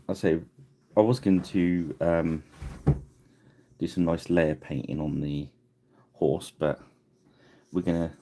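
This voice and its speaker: A man hosting a live miniature painting tutorial, chatting casually and laughing at himself as he works. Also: mellow. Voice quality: deep gravelly voice. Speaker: miniature painting livestream host.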